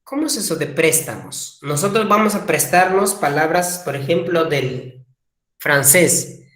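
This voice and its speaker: Slow, echoey male teacher. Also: a little high, animated, a bit bright. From Peru. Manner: repeats key words slowly for emphasis. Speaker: language teacher. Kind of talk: classroom lecture. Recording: echoey room.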